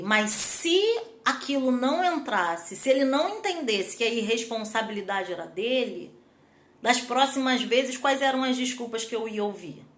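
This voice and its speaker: A woman's voice: fairly high pitch, echoey room. A woman therapist giving a casual talk to an audience, chatty and often turning to them directly. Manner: chatty, addresses audience as gente, acts out quotes.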